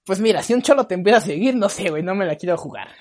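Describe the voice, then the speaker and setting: A young man with a Mexican accent telling stories on a podcast, animated and swearing, teasing his friends. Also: sits high, very fast. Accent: Mexican Spanish. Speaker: podcast co-host. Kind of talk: casual storytelling chat.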